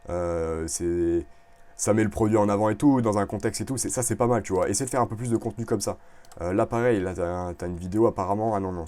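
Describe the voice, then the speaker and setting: A man talks through a casual screen-recorded review in a low, mellow voice. He is chatty and relaxed, full of fillers and restarts. He speaks close to a desktop mic. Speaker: video creator reviewing clothing brands.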